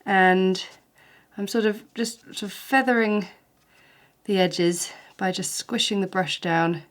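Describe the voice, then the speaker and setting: A watercolour teacher, a bit snuffly from hay fever, talks through a painting tutorial in a gentle, chatty, encouraging way. Her voice is medium-pitched and she takes things slowly.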